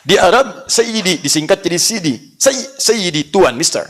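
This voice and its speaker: A man giving a lively religious lecture, swinging from hushed earnest passages to loud playful asides. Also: sits high, normal speed. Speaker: Islamic preacher.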